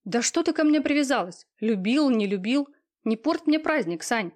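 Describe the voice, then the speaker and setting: A woman's voice: fairly high pitch, expressive, normal speed, darkish tone, close to an everyday voice. A woman voicing a smug, cold, lazy young man in an audiobook, talking in an offhand, sneering way with coarse slang. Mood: irritated. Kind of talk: audiobook reading.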